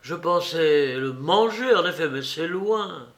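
A man's voice: expressive, slow pace, a bit bright, full character voice. A man reading aloud, voicing a passionate, impulsive young woman in a storybook reading with a raised, emotional voice. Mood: heartfelt. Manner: raised pitch, emotional delivery.

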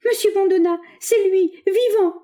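A woman voicing a small, devoted young hunchbacked male servant who talks in an excited, breathless rush. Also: on the high side, moderate pace, pitched above the performer's own voice. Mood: overjoyed.

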